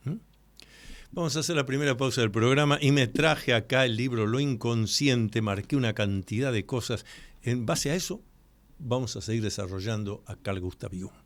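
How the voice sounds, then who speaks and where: A man hosting a live radio talk show, explaining ideas to listeners and repeating key points slowly. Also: medium pitch. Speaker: radio host. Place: radio studio. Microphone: studio microphone.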